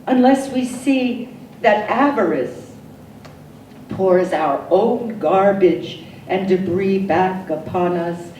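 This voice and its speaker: Reciting her own poetry, a woman speaks in a dark-toned, medium-pitched voice, slow and solemn, stressing words and pausing for effect. A far-off microphone picks her up in an echoey, noisy room.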